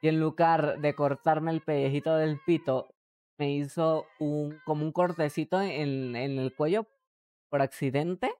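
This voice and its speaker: Mexican woman streamer, low voice, crude jokey game commentary. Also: steady tone, measured pace, dark tone. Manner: crude, joking, talks to chat. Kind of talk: casual live gameplay commentary.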